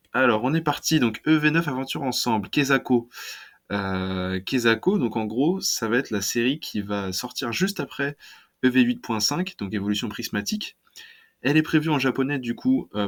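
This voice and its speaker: A man talking casually about trading cards for his channel, hesitant and full of fillers. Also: mid-range voice. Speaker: card collecting YouTuber. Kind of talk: casual video talk.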